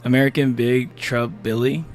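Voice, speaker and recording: Talking to his viewers while gaming on a live stream, this man rambles, restarts often, uses lots of fillers and laughs frequently. His mid-range voice has little pitch movement and runs a little fast.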